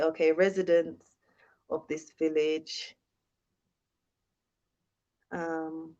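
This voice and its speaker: A woman's voice: lowish voice, mellow. A young woman hosting a casual live-stream Q&A, chatting, reading viewer comments aloud and thanking them often. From United Kingdom. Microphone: phone held in hand. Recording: dull lo-fi live-stream audio.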